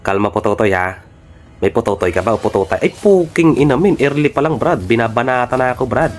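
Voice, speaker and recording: A man giving live commentary on his own gameplay, excitable and trash-talking, swearing often. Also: medium pitch, fast. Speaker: gaming streamer.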